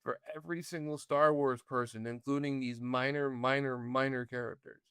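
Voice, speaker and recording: Man, podcast co-host, casual chat, laughs a lot, smooth clear tone, dry sound. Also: mid-range voice, fairly even intonation, normal speed, a bit bright, no room sound. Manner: laughs often, jokey asides. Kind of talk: casual movie review chat.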